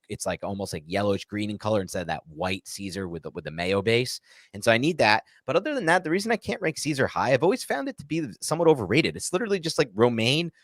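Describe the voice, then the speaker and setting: An American man with a lowish voice co-hosts a sports talk show, chatting casually through a live Q&A about American football. He rambles and is opinionated and emphatic, and there's no echo.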